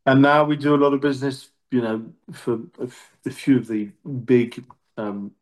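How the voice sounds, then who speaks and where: A middle-aged man speaks with a British accent in a casual interview. His pitch sits in the middle of the male range. He feels his way through sentences, pausing and rephrasing as he goes. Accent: British English. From born in Marseille, France, long settled in the UK. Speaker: managing director, interview guest.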